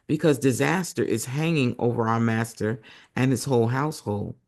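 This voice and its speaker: A man reading the Bible aloud as a host, hoarse and losing his voice, breaking off for chatty asides to his viewers. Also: mid-range voice, darkish tone.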